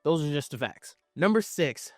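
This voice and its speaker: A man's voice: on the high side, animated, moderate pace, darkish tone, no room sound, clean studio sound. Emphatic man hosting a countdown over music. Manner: emphatic, slangy and swearing, repeats phrases for stress. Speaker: video host ranking wrestling promos. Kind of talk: countdown commentary, casual opinionated talk.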